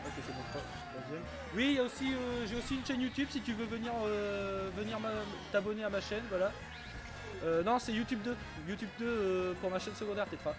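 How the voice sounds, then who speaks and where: This high-voiced man is livestreaming a kart racer and chatting loosely with the audience. His speech is full of stumbles and repetitions, with the occasional curse word thrown in.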